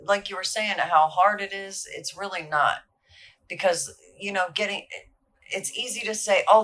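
A woman who works as a recovery alumni coordinator appears as a podcast guest, talking earnestly and chattily in a casual interview with plenty of fillers and easy laughter. Her voice is fairly low and a bit bright.

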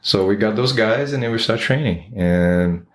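A man's voice: on the low side, normal speed. A Brazilian man in his forties with a Brazilian Portuguese accent, speaking as an interview guest, with many fillers and restarts. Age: 40s. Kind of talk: casual interview.

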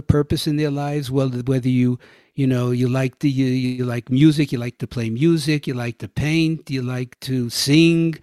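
A man's voice: mid-range voice, a little mellow, no echo. An older man with a Brooklyn accent talking casually and ramblingly as a guest in an interview. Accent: Brooklyn, New York. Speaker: podcast guest, health writer and vegan advocate.

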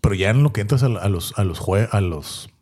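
Fast-talking man telling a story. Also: on the low side. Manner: animated, laughing anecdote-telling with voiced impressions. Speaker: podcast co-host. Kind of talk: casual storytelling chat.

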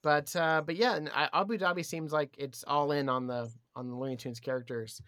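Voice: medium pitch, steady tone, fairly quick, fairly bright tone, dry recording, clean studio sound. An enthusiastic podcast co-host chatting casually and explaining cartoon history.

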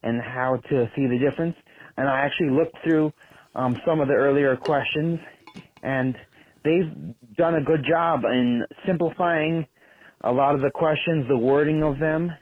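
Played back from a phone voicemail, this casual message comes from a man with a somewhat high voice at a moderate pace. He is a podcast listener who rambles and chats, full of ums and uhs, over a tinny phone line.

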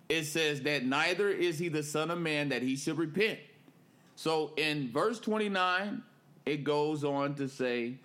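A man preaching a class-style exhortation, emphatic, repeating lines for stress and using street-style vernacular. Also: a bit bright. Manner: emphatic, repeats lines for stress, swings from low murmurs to raised calls. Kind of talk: exhortation sermon.

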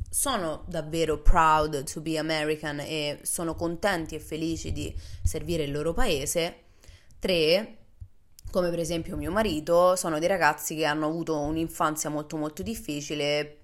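A young woman vlogger telling a personal story casually, acting out the voices in it. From Italy. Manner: animated, acts out dialogue with big pitch jumps.

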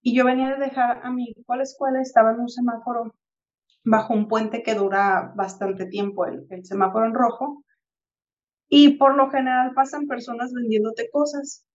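A slightly high-voiced woman at a moderate pace, captured in lo-fi sound, co-hosts a casual podcast. In her thirties and from Tijuana, Mexico, she tells a reflective everyday anecdote and acts out, with animation, the people she quotes.

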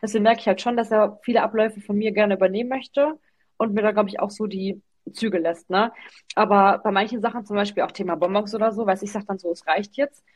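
A woman's voice: medium pitch, darkish tone. A woman hosting a casual mom podcast, chatting freely and often tagging her sentences with a questioning "ne?". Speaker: podcast host. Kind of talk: casual chat.

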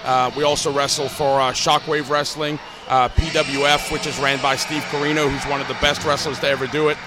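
A man's voice: a little high, little pitch movement, a little fast, very noisy. A man from Newcastle, England, a professional wrestler, answering interview questions casually with many fillers. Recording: loud music and crowd behind.

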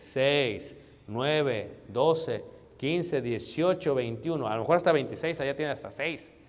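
Pastor preaching in a reverberant hall. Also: male voice, mid-range voice. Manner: conversational preaching, addressing the congregation as brothers. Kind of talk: sermon.

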